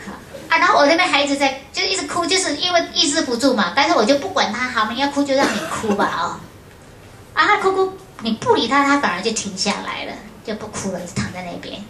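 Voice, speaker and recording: A woman, a Buddhist nun, tells her memories to an audience with a fairly high voice and lively short fillers. The room echoes and there is faint ambient noise. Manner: lively storytelling with frequent "hao" and "ha" fillers. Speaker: Buddhist nun giving a lecture. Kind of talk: storytelling lecture to an audience. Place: lecture room at a foundation. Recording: roomy hall with faint ambience.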